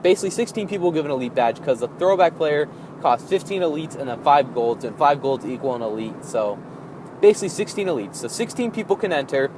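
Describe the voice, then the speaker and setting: A young man with a moderately high-pitched voice talks casually over gameplay. He rambles informally, restating his points as he goes. The recording has clearly audible background noise. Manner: rambling, informal, repeats and rephrases himself. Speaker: gaming video host.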